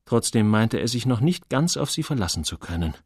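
A man reading a novel aloud as narrator in expressive storytelling. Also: mid-range voice, fairly quick, slightly rough, no echo, clean studio sound. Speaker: audiobook reader. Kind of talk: scripted narration.

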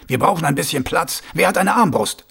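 A man's voice: fairly high pitch, lively intonation, fairly quick, vocal fry, a bit bright, breathy edge, pitched above the performer's own voice, exaggerated voice. A man voicing a grim, hard-bitten male sergeant who gives short commands. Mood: gruff. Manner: curt, commanding.

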